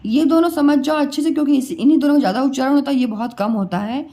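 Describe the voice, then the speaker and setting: A woman's voice: sits high, quick pace, dark tone. A woman teacher giving a pronunciation lesson, patiently repeating each sound and quizzing her students.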